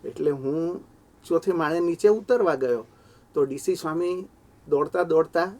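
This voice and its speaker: A man's voice: fairly high pitch, a little slow, a little mellow. A middle-aged man earnestly recounting a personal memory, his voice rising when he is moved. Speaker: devotee sharing memories. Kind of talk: heartfelt personal storytelling.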